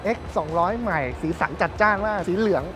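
A man in his thirties presenting bikes at a busy indoor motor show in a lively, chatty way, speaking into a lapel mic. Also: high-pitched, quick pace. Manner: lively, chatty, points things out. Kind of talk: casual walkaround presentation. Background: music.

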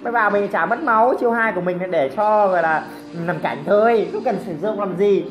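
A woman giving excited commentary over her own mobile game match, full of exclamations and teasing jabs at opponents. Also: medium pitch, a little fast. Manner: exclamatory, teasing opponents, frequent cries of surprise. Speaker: gameplay commentator.

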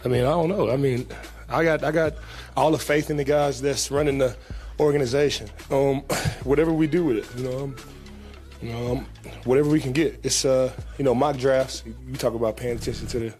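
Speaking a little quickly at an ordinary male pitch, this young pro football player gives loose, casual press conference answers, circling back with many fillers and repeated phrases. His voice is picked up by a table microphone in the team press room, with a faint trace of music underneath.

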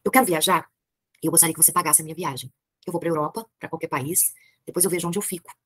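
A woman's voice: deep voice, fast, a bit bright, slightly rough, no room sound, studio quality. A Brazilian woman reading a novel aloud, voicing a young woman who speaks earnestly and firmly. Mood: resolute. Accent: Brazilian Portuguese.

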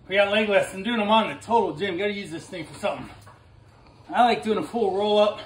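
A man in his thirties, a fitness coach, talking through a workout in an energetic, instructive way in his home barn gym. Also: high-pitched, slight background noise. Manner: energetic, instructive, brisk cues. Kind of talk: workout vlog narration. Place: large home gym in a barn with metal walls. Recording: echoey barn room.

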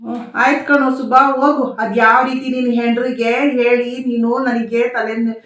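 An older mother-in-law, played by a woman in a homespun comedy sketch, exasperated and complaining without end. Her voice sits fairly high and carries loud calls and grumbling laments. The room echoes, and she sounds set back from the mic. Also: level tone, normal speed, far from the mic, lightly acted.

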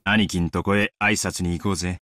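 A brusque, rough brother. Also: male voice, low-pitched, steady tone, rapid-fire, sharp tone, dry recording, clean studio sound.

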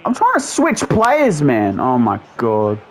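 A man's voice: medium pitch, wildly swooping pitch, slow pace. A man giving angry, profanity-laden commentary as he plays a football video game, ranting and exasperated. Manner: ranting, heavy swearing, exasperated outbursts. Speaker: gamer.

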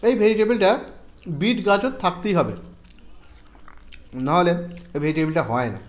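Fast-talking man chewing while talking. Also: high voice. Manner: relaxed, humming between bites. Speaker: co-host of an eating show. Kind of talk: casual food commentary.

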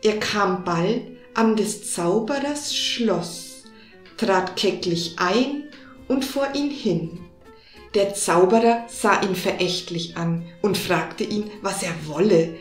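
A woman narrating a fairy tale for children, in a calm, unhurried storytelling manner. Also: medium pitch. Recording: roomy with faint music behind.

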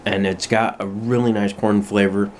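Casting: male, 20s, low-pitched, informal food reviewer, relaxed slangy delivery, home camera with clear background noise. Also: normal speed. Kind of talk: casual video review, chatting to viewers. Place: small home room indoors. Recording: noisy room, bag crinkling.

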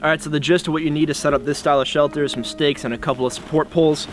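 A man's voice: a little high, steady tone, rapid-fire. A young man in his twenties hosting a casual bushcraft tutorial outdoors in snowy woods, explaining with frequent ums. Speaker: bushcraft channel host.

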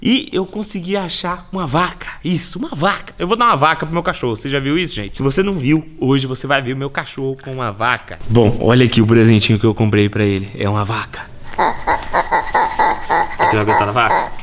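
A man's voice: medium pitch, brisk. A young man with a Brazilian accent vlogging casually, talking in slang to his viewers and his dog. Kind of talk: casual vlog talk. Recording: voice with loud background music.

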